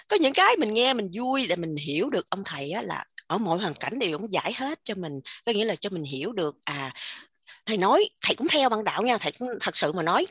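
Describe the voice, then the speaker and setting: Fast, husky Southern Vietnamese woman teaching. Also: lowish voice, fairly bright tone, no echo, clean studio sound. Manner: repeats words in quick bursts, emphatic. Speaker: religious teacher sharing insights. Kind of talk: animated casual spiritual talk.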